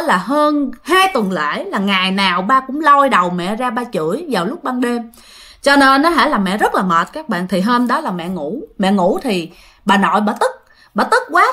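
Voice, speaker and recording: Woman telling a ghost story, chatty, bright voice, a bit high. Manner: addresses listeners directly, chatty. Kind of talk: casual ghost-story narration.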